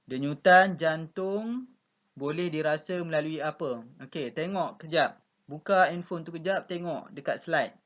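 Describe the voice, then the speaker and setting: Patient Malaysian male teacher, lo-fi. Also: on the high side. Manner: patient, repeats instructions, frequent "ha" and "okey" fillers. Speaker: primary school teacher. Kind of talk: online class instruction.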